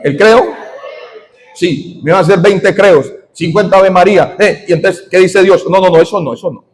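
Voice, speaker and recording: A man, preaching a sermon as pastor, animated, quizzing his congregation and breaking into shouts. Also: high voice, moderate pace, in a large hall, rough recording. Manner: animated, asks the congregation questions, shouts in bursts.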